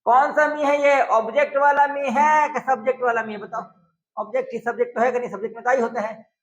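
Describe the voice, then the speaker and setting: A man teaching a grammar lesson, coaxing students with question after question. His voice sits very high for a man. The recording is echoey and a little dull. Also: fairly even intonation, fast, fairly bright tone. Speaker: English teacher. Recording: echoey, dull lo-fi room sound.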